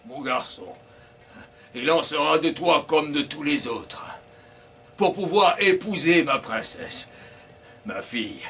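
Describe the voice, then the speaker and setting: A man's voice: on the high side, expressive, slow, pauses often, fairly bright tone, far from the mic, slight background noise, exaggerated voice. A man voicing a solemn, stern genie of destiny who speaks in formal, old-fashioned phrases.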